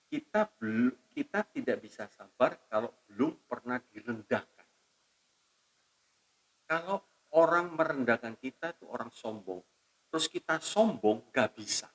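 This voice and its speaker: A man preaching a sermon as pastor, emphatic, dropping to soft asides and swelling loud on key lines, calling out hallelujah to his congregation. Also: medium pitch, lively intonation, a little slow, rough recording. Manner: addresses the congregation as saudaraku and calls out hallelujah.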